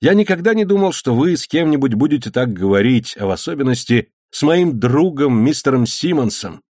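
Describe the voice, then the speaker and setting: A man voicing a timid, anxious male ship's skipper with a plaintive, drawn-out manner. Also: medium pitch, very animated, a little mellow, no room sound, clean studio sound, pitched above the performer's own voice. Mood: earnest. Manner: plaintive, slow.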